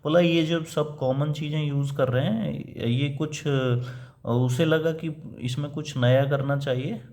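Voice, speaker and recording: A man delivers a patient, classroom-style lecture. He explains each point step by step, pausing on fillers. He switches between Hindi and English teaching terms. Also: on the high side, fairly even intonation, a little mellow. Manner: reads quoted English lines slowly and deliberately. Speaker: assistant professor teaching English poetry.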